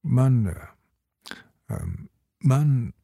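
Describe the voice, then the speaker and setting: A man voicing a calm young man in an audiobook, speaking softly and reassuringly. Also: mid-range voice, creaky, breathy edge, no room sound, studio quality, heavily acted. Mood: gentle. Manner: soft, gentle, reassuring.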